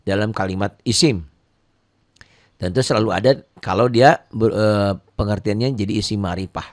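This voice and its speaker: A man's voice: lowish voice, normal speed, no echo, studio quality. A man teaching Quran recitation rules to beginners, explaining patiently and repeating each point step by step. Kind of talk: tajwid lesson with recited examples.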